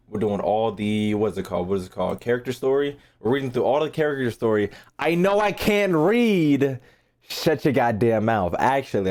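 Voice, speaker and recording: An American streamer hosting a reaction video chats casually on a livestream in a mid-range, darkish voice. He banters brashly with viewers, swears freely and repeats phrases for emphasis.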